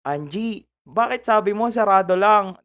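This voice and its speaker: A man's voice: high-pitched, a little slow, fairly bright tone, soft background music. A man from the Philippines live-streaming a horror game, chatting casually with viewers, laughing a lot and yelping when startled.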